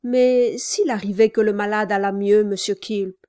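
A woman's voice: medium pitch, fairly even intonation, moderate pace, warm tone, no echo, clean studio sound, close to an everyday voice. Woman voicing a fawning, sniggering lawyer. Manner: obsequious, tittering agreement.

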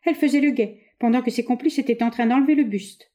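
A woman's voice: on the high side, fast talker, dark tone, pitched above the performer's own voice, natural voice. A woman reading aloud, voicing a polite, earnest hunchbacked man who explains himself courteously.

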